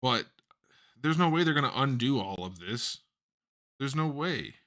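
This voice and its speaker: A man hosting a casual live-stream chat, blunt and quick to laugh, thinking aloud with plenty of fillers. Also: medium pitch, expressive, a bit bright. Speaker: host.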